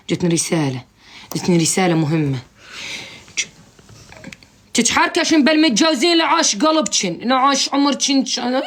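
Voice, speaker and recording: A woman hosting a live stream, giving comic advice in a blunt, teasing, joking-scolding way over a phone mic. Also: mid-range voice.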